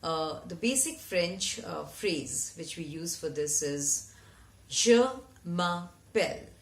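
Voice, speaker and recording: A woman teaching a French lesson, who spells out each phrase slowly and repeats it. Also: lowish voice, lively intonation, vocal fry. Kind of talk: slow, deliberate language lesson. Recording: echoey room.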